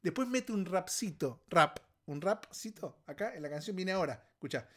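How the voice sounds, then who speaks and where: Excitable argentine guy ranting on a podcast. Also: high-pitched, normal speed. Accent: Argentine Spanish. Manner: animated, exasperated, mock-quotes lyrics in a put-on voice. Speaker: podcast host. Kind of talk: casual comedic commentary on a song. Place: home recording setup.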